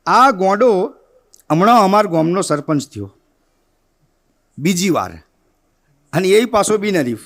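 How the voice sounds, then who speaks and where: A man's voice: high voice, lively intonation, a little slow, pauses often, fairly bright tone. A man poet, reciting verse in a sing-song way and telling a dry comic story on stage. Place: stage at a poetry gathering.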